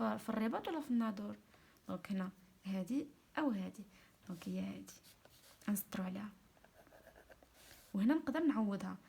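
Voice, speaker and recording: A Moroccan woman teaching an online school lesson, with a slightly husky voice. She walks through each point patiently, slips between Arabic and French and keeps checking that her pupils are following. Her pitch sits at an ordinary middle for a woman. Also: a little mellow. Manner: explains step by step, often asking "c'est clair?" and mixing in French.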